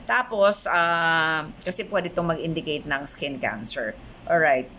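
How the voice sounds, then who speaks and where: A middle-aged woman from the Philippines giving a health talk to her viewers, chatty, switching often into English and full of animated asides. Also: low voice, a little slow, a little hiss or hum. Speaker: health vlogger. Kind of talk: casual talk to camera.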